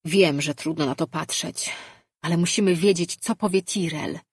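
A woman's voice: fairly low pitch, normal speed, husky, no room sound, clean studio sound. A woman reading the part of an insistent male council member, speaking in an urging, earnest way.

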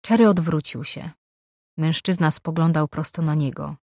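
A woman reading a fantasy audiobook in a calm, measured way. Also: sits low, no room sound, studio quality. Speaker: audiobook narrator. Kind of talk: scripted audiobook narration.

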